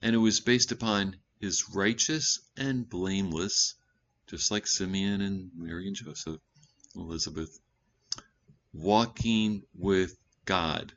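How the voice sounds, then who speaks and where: Male pastor, lowish voice, animated preaching with loud bursts and conversational asides, dull lo-fi recording. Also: a little slow. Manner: conversational asides and self-corrections. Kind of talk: sermon.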